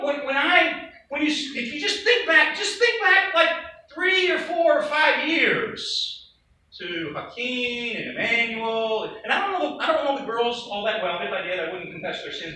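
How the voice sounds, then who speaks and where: A man's voice: extremely high pitch, sharp tone. A man preaching a sermon to a congregation, talking conversationally with rhetorical questions and casual asides. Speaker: pastor. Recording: echoey room, distant mic, faint noise.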